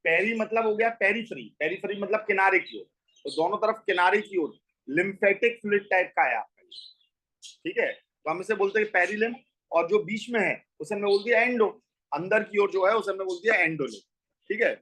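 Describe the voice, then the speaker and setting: A man's voice: high-pitched, animated, brisk, a bit bright, poor audio. A man teaching a school biology lesson, explaining step by step and asking and answering his own questions. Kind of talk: biology class lecture.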